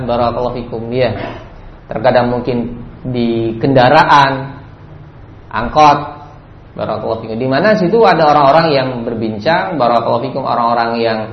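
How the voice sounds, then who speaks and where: A male preacher giving a religious study lecture, who keeps repeating a stock blessing and chants Arabic phrases in a raised voice. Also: medium pitch. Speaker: Islamic preacher. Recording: dull, roomy lecture recording with faint noise.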